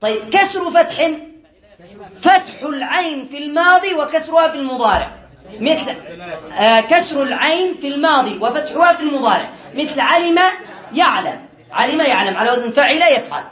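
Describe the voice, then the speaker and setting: High-voiced man teaching in an echoey hall. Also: lively intonation, fairly bright tone. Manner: quizzes students with quick questions and answers them himself; drills word patterns with repetition. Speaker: Islamic studies teacher. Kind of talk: classroom lesson on Arabic morphology. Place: lesson hall with students.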